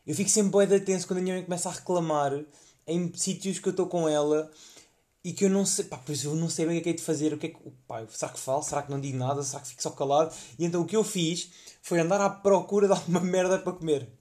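A man's voice: a little high, dark tone. A young man with a European Portuguese accent telling rambling comic stories as a podcast host, full of slang and fillers. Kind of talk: casual comedic storytelling monologue.

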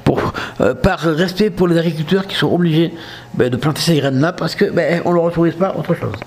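A man's voice: a little high, a little fast, darkish tone, slight background noise. A man with a southern French accent hosting a casual solo podcast, chatting straight to his listeners and often checking in with them. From southern France. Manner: chatty, addresses listeners directly with frequent "ok?". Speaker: podcast host.

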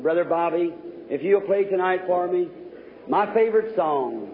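With a high, lively voice at normal speed, a man exhorts a revival congregation as an evangelist, preaching with fervor. The old recording from a large meeting hall is tinny, noisy, and full of echo.

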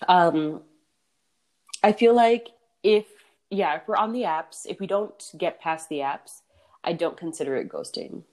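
A woman's voice: lowish voice, expressive, measured pace, a little mellow. A young woman co-hosting a podcast, talking candidly in casual chat, swearing freely and laughing often. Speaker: podcast co-host.

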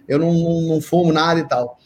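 A man telling a comic anecdote in an animated way, often repeating and restarting words. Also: a little high, fast. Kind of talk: comic storytelling.

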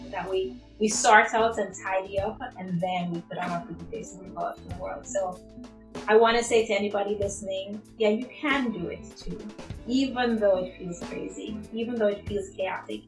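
A woman hosts a podcast interview, warmly affirming her guest and summing up what was said. Her voice sits at a middle pitch and rings in a roomy space, with faint music underneath. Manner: affirming, encouraging, sums up the guest's points. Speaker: podcast host. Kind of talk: conversational interview.

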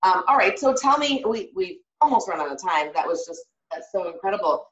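A woman's voice: lowish voice, expressive, brisk, a crowd in the background. A woman hosting a casual interview, talking with enthusiasm. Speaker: interview host. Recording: roomy, distant and muffled.

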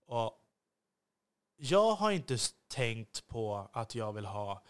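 A man's voice: mid-range voice, very animated, clean tone. Male podcast host, solo monologue, intense and earnest, slightly biting edge, lots of hesitations. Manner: intense, earnest delivery that can sound biting; frequent hesitations and restarts.

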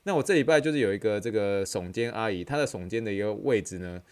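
A man's voice: lowish voice, expressive, quick pace, a little mellow, smooth. A man with a Taiwanese Mandarin accent hosting a podcast in casual, rambling chat that repeats phrases. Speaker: podcast host.

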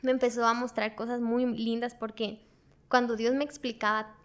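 A woman telling her faith story in a casual conversation, animated, acting out her own prayers and laughing often. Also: fairly high pitch, normal speed.

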